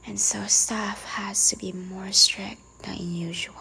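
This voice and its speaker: A woman in a whispered role-play, playing a strict, teasing librarian who quietly scolds a careless visitor. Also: medium pitch, steady tone, slow, vocal fry, husky, heavily acted. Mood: hushed, teasing menace.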